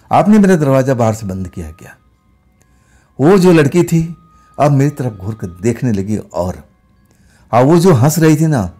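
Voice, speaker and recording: Man, first-person ghost story, suspenseful, lively intonation, husky voice. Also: mid-range voice. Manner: dramatic, suspenseful, drops to hushed tones. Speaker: horror storyteller.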